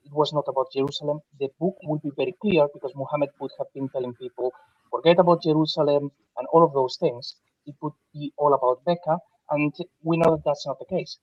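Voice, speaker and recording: A man's voice: on the high side, dry recording. Guy making his point bluntly, muffled underwater-sounding headset mic, dull and dead dry. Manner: emphatic, blunt. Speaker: panel guest. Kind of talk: casual online discussion.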